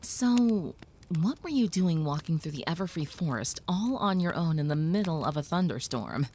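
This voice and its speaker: Soft and reassuring, sometimes whispering, a woman plays a protective, gentle young female vampire in an audio roleplay. Her voice sits low with lively intonation and a moderate pace, against slight background noise.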